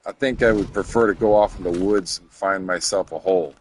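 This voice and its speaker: A man in his thirties with a deep voice talks a little fast as he streams a game, chatting casually to viewers. He rambles across topics and mutters to himself while he works through menus. The recording is rough, with a bit of hiss or hum.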